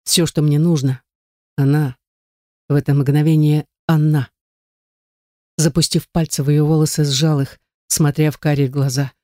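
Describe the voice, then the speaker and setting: A man narrating a novel in the first person, intense and brooding, slowing down on emotional phrases. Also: a little high, level tone, dark tone, no room sound, studio quality. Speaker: audiobook narrator.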